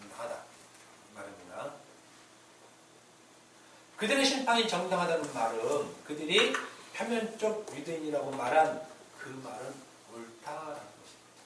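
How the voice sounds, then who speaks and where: A man teaching a Bible sermon in a conversational way, often pausing on filler sounds and chuckling. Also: on the high side, sing-song, a bit bright, slight background noise. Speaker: preacher. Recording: roomy echo from far off, faint ambience.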